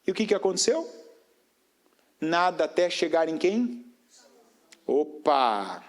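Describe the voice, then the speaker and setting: A man preaching a sermon, firing rhetorical questions at the congregation and swinging between raised emphatic phrases and low, quiet stretches. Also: big pitch swings, slow.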